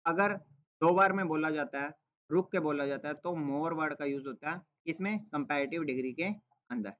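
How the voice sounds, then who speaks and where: A man's voice: on the high side, moderate pace, a bit bright. Man teaching grammar, muffled audio. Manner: explains step by step, repeats "ठीक है" and asks rhetorical "क्या" questions. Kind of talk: classroom-style grammar lesson.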